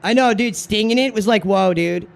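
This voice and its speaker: A man's voice: high voice, normal speed, vocal fry. A man giving casual video game commentary as a streamer, talking like a frat bro with heavy slang, swearing and exasperated ranting. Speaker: gaming streamer.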